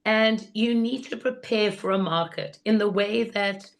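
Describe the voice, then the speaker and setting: A woman teaches an informal workshop in a medium-pitched voice. Laryngitis leaves it hoarse and rusty, like a voice long unused. She is enthusiastic and instructive as she explains. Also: unhurried. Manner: enthusiastic, instructive, repeats 'in other words'. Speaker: guest teacher of market selling.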